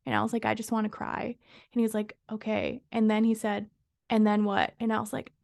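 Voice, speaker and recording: A woman guest on a podcast, candidly telling a personal story in an expressive, somewhat profane way. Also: medium pitch, brisk, gravelly, no echo, clean studio sound. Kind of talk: casual storytelling.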